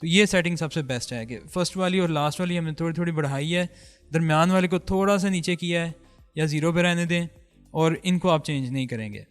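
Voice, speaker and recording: A man's voice: fairly high pitch, clear, resonant tone, in a large hall. A man hosting an audio tutorial, explaining step by step in a patient way while he adjusts a mixer, talking through a studio microphone.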